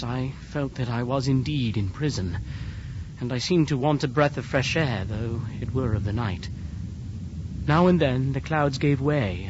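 A man's voice: medium pitch, slight background noise, natural voice. A young man voicing a nervous young male clerk held prisoner, who narrates a radio drama in an earnest, increasingly fearful way. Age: young adult. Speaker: narrator and lead character. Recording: dull lo-fi audio with music behind.

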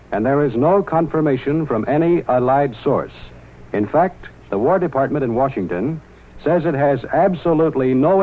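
A man reading a formal wartime radio news bulletin in a measured announcer delivery, with the sound of an old newsreel broadcast. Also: medium pitch. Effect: old newsreel-style radio broadcast sound. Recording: tinny, narrow-band 1940s radio broadcast.

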